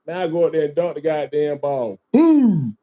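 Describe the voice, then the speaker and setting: Guy on a podcast telling a crazy story, kinda high voice, cussing and laughing, says man and bro a lot. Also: big pitch swings, moderate pace, dark tone. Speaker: podcast host. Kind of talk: casual storytelling chat.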